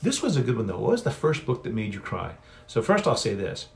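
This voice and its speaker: A middle-aged man with a gravelly, medium-pitched voice hosts his own author Q&A livestream, speaking briskly with huge swings in pitch. He rambles and corrects himself often, and a phone on a stand does the recording.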